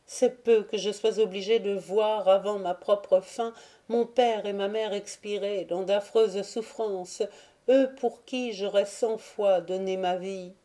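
A grieving young noblewoman lamenting her fate in a soft, mellow, mournful voice, read by a woman. An audiobook performance with a hushed, sorrowful tone. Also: medium pitch, lightly acted.

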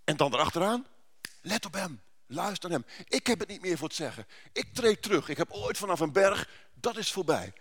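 A man preaching who puts on the voice of God the Father, proud and declaring, a little higher and louder than his own talk. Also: big pitch swings, moderate pace, husky, full character voice.

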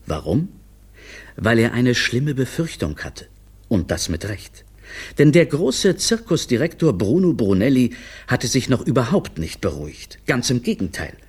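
A man narrating a children's audiobook with a lively, expressive reading. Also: lowish voice, slightly rough.

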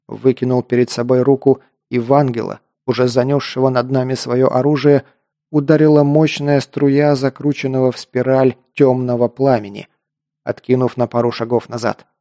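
A man with a medium-pitched voice narrates a first-person fantasy action audiobook, keeping the storytelling steady but rising into louder voiced dialogue. The recording is dry.

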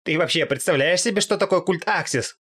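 A man reading aloud and voicing a huge goat-headed monster commander who talks in agitated shouts. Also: high voice, fairly quick, pitched above the performer's own voice. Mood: exasperated.

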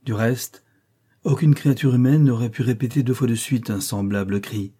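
Dark husky male audiobook narrator. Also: mid-range voice. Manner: measured, dramatic reading. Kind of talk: scripted narration.

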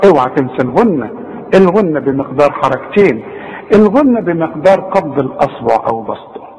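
High-voiced Egyptian man teaching recitation. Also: lively intonation, a little mellow, slight background noise. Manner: explains conversationally, then recites examples slowly with drawn-out nasal sounds. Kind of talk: tajweed lesson. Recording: long hall reverb.

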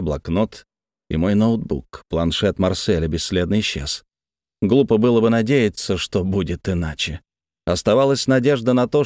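A man narrating a first-person thriller audiobook in a tense, measured way. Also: on the low side, a little mellow, no echo, studio quality.

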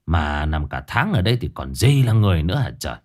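A man voicing a stern, blunt male ghost-hunting master, with a low, curt, hushed delivery. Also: big pitch swings, fast talker. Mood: weary.

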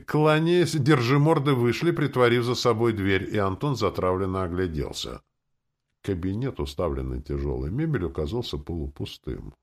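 A man reading an audiobook with an expressive, dramatic delivery. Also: lowish voice. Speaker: audiobook narrator. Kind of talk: scripted audiobook narration.

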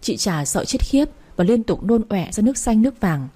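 A woman narrating a first-person story in a plain, steady reading. Her voice is dark and mellow with a husky edge. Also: medium pitch, moderate pace.

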